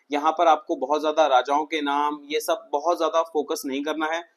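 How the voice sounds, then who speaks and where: Man, coaching teacher, exam prep lesson, chatty, asks students questions, a bit high-pitched. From India.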